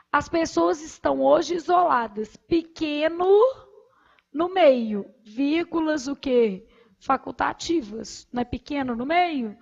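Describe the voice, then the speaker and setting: A woman with a Brazilian Portuguese accent teaching grammar, asking the class questions and answering them herself, and counting syllables aloud slowly. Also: high-pitched, muffled recording. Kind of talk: recorded grammar lesson.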